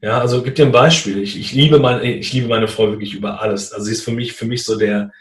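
A man in a casual conversation, telling a personal story in a lively way and acting out what people said. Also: medium pitch, fast talker, echoey room. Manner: animated, acts out quoted dialogue. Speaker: guest telling his story.

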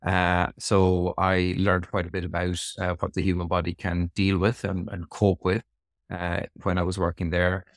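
Low-pitched west of Ireland man. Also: completely flat delivery, normal speed, no echo, studio quality. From Sligo, west of Ireland. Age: middle-aged. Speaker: interview guest, physiotherapist. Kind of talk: conversational interview answers.

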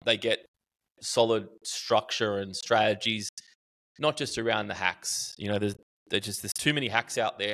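A middle-aged Australian man, a marketing educator appearing as a podcast guest, talks casually and animatedly in an interview chat, telling stories full of restarts and fillers. His voice is medium in pitch and sounds pushed and bright.

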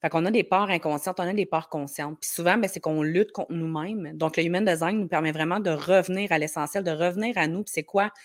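Gravelly, lower-pitched Quebec woman with a cold. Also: brisk, few pauses, dry recording. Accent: Quebec French. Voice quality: hoarse, gravelly voice. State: slight head cold starting. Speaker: podcast guest, marketing strategist. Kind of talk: conversational interview, explaining.

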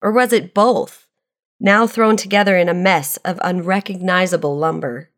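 A woman reading a reflective devotional aloud, tying scripture to her own story in an earnest, measured way. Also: fairly low pitch, fairly even intonation.

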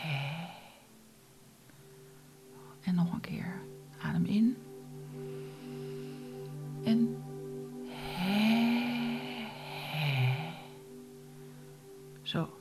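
Woman whispering a slow sleepy meditation, lowish voice, soft music behind. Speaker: meditation guide. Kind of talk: guided relaxation meditation.

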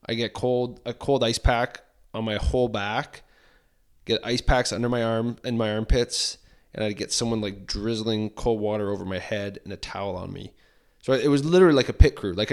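Reflective man in casual chat. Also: medium pitch. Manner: reflective, grateful recounting. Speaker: podcast host, ultrarunner.

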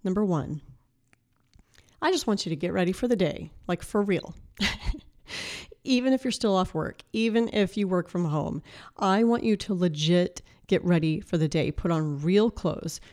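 A woman in her thirties, a life coach, hosts a casual faith-based podcast, sounding slightly hoarse from a cold. Her voice is lowish and darkish at a normal speed, and she is chatty, using filler words and laughing.

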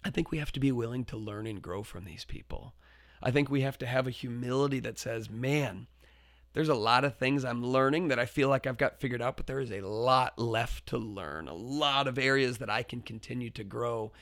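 Speaking at normal speed in a medium-pitched voice, a man who teaches and hosts a podcast recounts a classroom story with earnest reflection, frequently restarting phrases. His tale rises to loud, forceful quoted shouts, recorded cleanly in a studio with no room sound.

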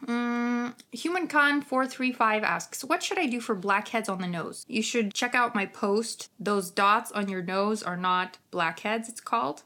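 A woman's voice: a little high, measured pace, few pauses, sharp tone. Casual, blunt woman with Ukrainian accent. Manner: blunt, sweary, informal. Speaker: skincare specialist answering live stream questions. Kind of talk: casual live Q&A chat.

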